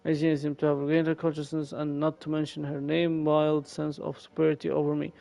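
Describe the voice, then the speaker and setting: A male streamer reading game story text aloud, haltingly and with frequent self-corrections. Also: fairly high pitch, completely flat delivery, vocal fry, warm tone.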